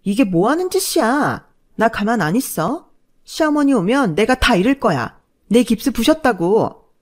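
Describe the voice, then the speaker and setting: A woman voicing a spoiled, haughty young sister-in-law who talks in a shrill, snippy way. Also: very animated, unhurried, a little mellow. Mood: panicked.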